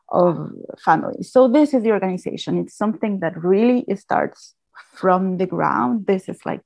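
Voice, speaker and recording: A woman's voice: mid-range voice, a little mellow, no echo. Woman from Chile explaining, dull dry sound. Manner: explanatory, repeats and restarts phrases. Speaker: guest speaker. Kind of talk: talk presentation.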